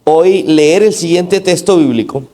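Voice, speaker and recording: A man's voice: on the high side, a little slow, warm tone. A man preaching a sermon in church, asking the congregation to repeat after him and posing rhetorical questions. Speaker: pastor.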